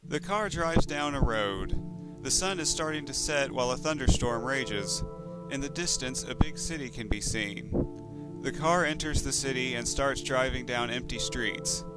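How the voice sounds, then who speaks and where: A man narrating his own horror story in a steady, descriptive reading style. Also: medium pitch, normal speed, low-quality recording. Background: loud game music score.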